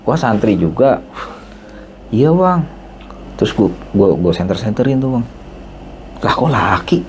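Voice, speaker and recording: A man tells a story in a loose, casual podcast chat. He acts out the dialogue lively, jumping up in pitch for the quoted voices. His tone is dark and mellow, with a faint hiss of noise behind. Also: unhurried.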